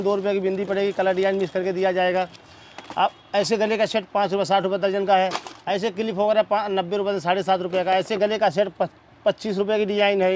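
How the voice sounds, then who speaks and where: Fast-talking shopkeeper reeling off prices. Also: male voice, sits high, a little hiss or hum. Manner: reels off prices in a steady patter. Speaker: wholesale shopkeeper. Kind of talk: rapid sales price listing. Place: small crowded cosmetics shop, indoors.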